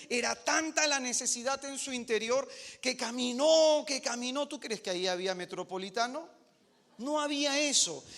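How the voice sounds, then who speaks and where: A man's voice: high-pitched, fairly bright tone, in a large hall. A male preacher delivering an emphatic, dramatic sermon full of rhetorical questions.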